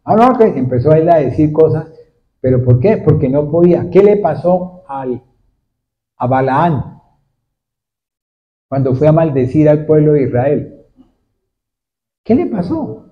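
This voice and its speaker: A male pastor preaching a sermon to a congregation, repeatedly asking them questions in a steady, repetitive cadence. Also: fairly high pitch, a little slow, pauses often. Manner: asks the congregation frequent questions. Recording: dull lo-fi recording. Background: seated congregation.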